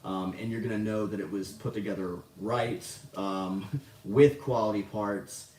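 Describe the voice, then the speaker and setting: A man's voice: on the low side, fairly even intonation, a little slow, a little mellow. A man hosting a casual livestream, answering chat questions in a rambling, profane, self-mocking way. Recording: roomy, distant mic, faint noise.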